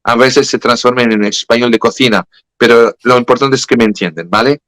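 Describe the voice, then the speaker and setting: A native French speaker with a French accent, this male guest speaker talks at length in a conversational way, hesitating often with plenty of fillers and self-corrections. His mid-range voice is brisk and fairly bright, recorded with no echo.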